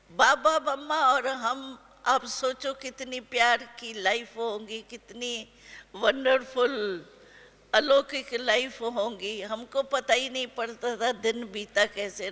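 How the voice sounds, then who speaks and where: An older woman teaching a spiritual class, telling a story gently and slowly with homely everyday examples. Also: fairly high pitch. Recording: long hall reverb.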